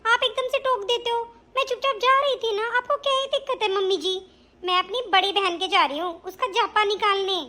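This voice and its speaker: Cartoon role: sharp-tongued young daughter-in-law, very high voice, played by a woman. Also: steady tone, a little fast. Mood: defiant. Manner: defiant, sharp. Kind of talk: animated cartoon dub.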